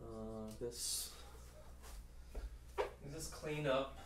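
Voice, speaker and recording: A man's voice: mid-range voice, drawn-out words, echoey room, very noisy. A man talking to himself in a casual vlog, self-deprecating and out of breath. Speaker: YouTuber.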